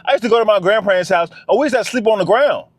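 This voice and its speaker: A man's voice: high-pitched, rapid-fire. A man talking straight to camera in a casual vlog, emphatic and slangy, repeating his phrases for weight. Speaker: vlogger.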